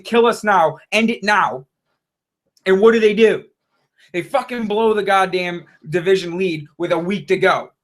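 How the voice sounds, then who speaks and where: Male fan vlogger, high pitch, angry profane rant, repetitive. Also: a bit bright. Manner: frustrated, heavy swearing, repeats himself.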